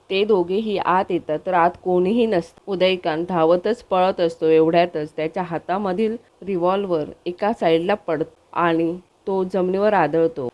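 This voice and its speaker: A woman narrating a scripted plot recap of a television serial in a steady, even reading voice. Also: fairly low pitch, dull audio.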